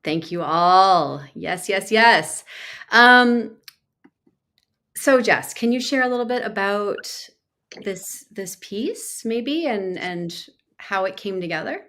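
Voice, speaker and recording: A woman hosting a livestream interview over a video call, effusive and excitable in her praise. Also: medium pitch, takes it slowly. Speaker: host and music mentor.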